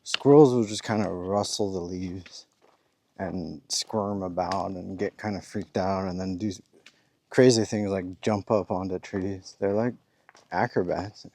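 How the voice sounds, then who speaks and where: Man, deep voice, easygoing hiker vlog, talks while walking outdoors. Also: warm tone, slight background noise. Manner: rambling, easygoing, with chuckles. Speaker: thru-hiker vlogger. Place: outdoors on a forest trail.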